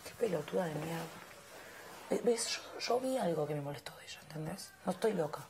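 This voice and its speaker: A young Argentine woman talks fast and heatedly, her low voice full of gravelly fry. She complains with indignant emphasis, caught on a noisy mic with clicks in the background. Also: expressive. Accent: Argentine Spanish. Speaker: reality show housemate. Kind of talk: heated gossip chat.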